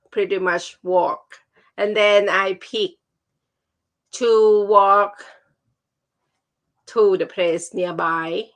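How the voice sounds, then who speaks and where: Female, Thai-accented second-language speaker, native Thai. Unhurried, slightly low voice, casual anecdotes with searching pauses. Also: a bit bright. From Thailand. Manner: halting, searching for words. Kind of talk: casual personal storytelling.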